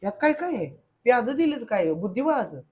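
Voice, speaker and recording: A man's voice: very high-pitched, very animated, fairly quick, a little mellow. A young man, hosting a casual family vlog at home and bantering jokingly with his wife. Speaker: vlog host. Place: home room.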